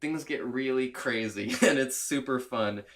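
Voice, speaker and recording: A man's voice: medium pitch, unhurried, a bit bright. A young man co-hosting a casual movie podcast, talking with rambling enthusiasm and laughing often. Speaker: podcast co-host.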